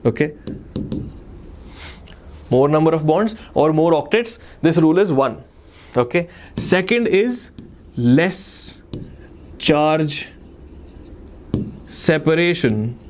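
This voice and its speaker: Higher-pitched North Indian man teaching online. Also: animated, measured pace, pauses often, a little mellow, a little hiss or hum. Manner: emphatic, repeats key phrases and questions; switches between English and Hindi. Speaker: chemistry teacher. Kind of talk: live online exam lesson, explaining step by step.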